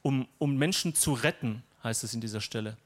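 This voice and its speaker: A man's voice: mid-range voice, fairly quick. A man preaching a sermon in a conversational, personal and lightly humorous way.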